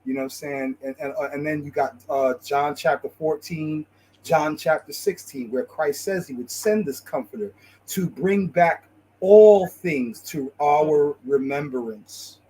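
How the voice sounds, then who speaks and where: A man's voice: fairly high pitch, unhurried, mellow, breathy edge, rough recording. A man in a religious fellowship chat who uses Rasta speech, affirming and repeating phrases as he goes. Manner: Rasta speech, with "yes, man", "you see me" and "bless and love"; affirming call-and-response interjections, repeating phrases.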